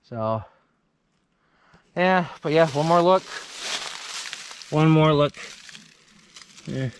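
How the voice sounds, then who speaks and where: A man's voice: fairly high pitch, animated, very slow, slight background noise. A man hosting a casual vlog, rambling and thinking aloud about an old truck he found, with lots of fillers. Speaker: channel host.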